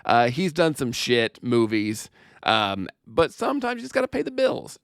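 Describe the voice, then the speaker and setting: A man's voice: medium pitch, huge pitch swings, normal speed, vocal fry, clean tone, no echo, studio quality. A male comedian chatting casually as a podcast guest, joking and laughing often.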